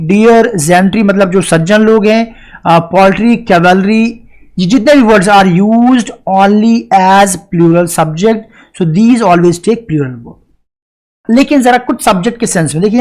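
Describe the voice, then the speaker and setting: A man teaching English grammar in a classroom lecture style, asking and answering his own questions and reading example sentences slowly. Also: high voice. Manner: explains step by step, often asks and answers his own questions; addresses students directly, stresses points with "ध्यान रखिएगा".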